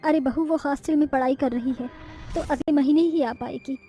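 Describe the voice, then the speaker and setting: A woman's voice: sits high, steady tone, moderate pace, warm tone, faint music behind. A woman voicing a caring, firm mother-in-law in a cartoon story, speaking in a homely, reassuring way. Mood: soothing.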